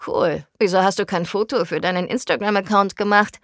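A woman voicing a cocky, blunt teenage schoolboy in an audiobook, slow and mocking. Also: mid-range voice, a bit bright, no echo, clean studio sound, close to an everyday voice. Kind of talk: audiobook character voice.

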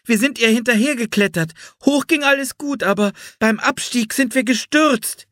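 A man voicing an eager, excitable young girl in an audiobook, high and urgent. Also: normal speed, no room sound, clean studio sound. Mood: earnest. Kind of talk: audiobook character voice.

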